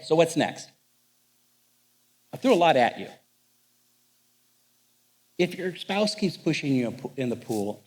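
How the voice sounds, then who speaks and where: Man, middle-aged, marriage counselor, live seminar on stage, joking, animated storyteller, average pitch. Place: on stage before a live audience.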